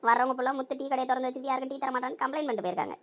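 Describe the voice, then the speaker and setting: A woman's voice: high-pitched, very fast, close to an everyday voice. A woman voicing a blunt, teasing older village mother in an amateur audio drama. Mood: scolding, teasing.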